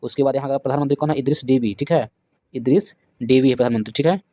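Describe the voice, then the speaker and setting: A man teaching a rapid exam-prep lesson who quizzes his listeners and repeats key facts. His voice is mellow and low in brightness. It is recorded close and dry, with no room sound. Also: no echo. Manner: drills facts with repeated quiz questions; slows down to spell out names. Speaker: current affairs teacher.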